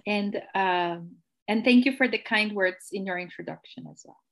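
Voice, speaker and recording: A woman in her forties speaks English with a Brazilian Portuguese accent. She tells her story as a podcast guest, earnest and measured, now and then restarting a phrase. Her pitch sits in the middle for a woman. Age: 40s. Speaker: executive coach, podcast guest. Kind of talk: interview, telling her life story.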